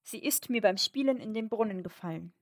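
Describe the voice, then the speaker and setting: A woman's voice: medium pitch, a little fast, natural voice. A woman voicing a spoiled young fairy-tale princess, reading in a whiny, eager way. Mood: pleading. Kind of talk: storybook reading.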